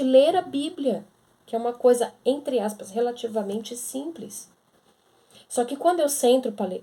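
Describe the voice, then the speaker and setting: A woman's voice: a little high, dark tone. A woman giving casual Bible teaching to women, talking conversationally and acting out quoted objections.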